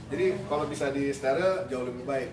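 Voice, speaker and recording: A man's voice: medium pitch, brisk, noisy background. A man, a dog behavior trainer, explaining and coaching owners in a firm, casual way, mixing in English commands. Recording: roomy, distant mic, music behind.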